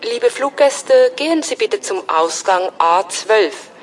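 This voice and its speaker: A woman playing a polite airport announcer in a scripted language-exam recording, with clear, measured delivery. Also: medium pitch, lively intonation, a little hiss or hum. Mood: announcing.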